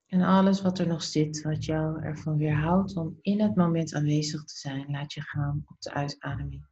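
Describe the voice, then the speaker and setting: This low-pitched woman keeps a steady tone while leading a slow, calming meditation in soft, relaxed speech. She pauses after each short phrase, letting its end turn breathy, and the recording is muffled.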